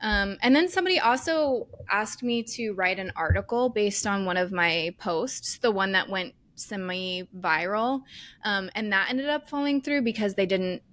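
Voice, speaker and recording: A woman co-hosting a podcast, chatting casually and candidly with plenty of "like" and "um" fillers. Her voice sits at an average pitch for a woman. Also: moderate pace, fairly bright tone. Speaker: podcast co-host. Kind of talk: casual chat.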